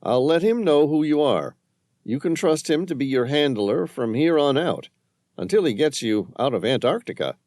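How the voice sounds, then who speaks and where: A man's voice: fairly high pitch, animated, normal speed, darkish tone, no room sound, studio quality, close to an everyday voice. A man voicing a cold, calculating male handler in an audiobook, speaking in a cool, clipped, businesslike way. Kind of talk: audiobook narration.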